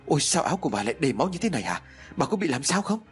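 A man voicing a stern middle-aged husband who is protective of his wife and gruff in his orders. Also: fairly high pitch, very animated, rapid-fire, faint music behind, pitched above the performer's own voice, exaggerated voice. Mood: worried. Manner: gruff, commanding.

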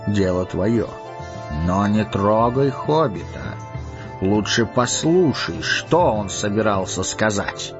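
A man's voice: fairly low pitch, lively intonation, takes it slowly, highs cut off, music in the background. A man reading an audiobook voices an old, stern, commanding wizard in a voice close to his own.

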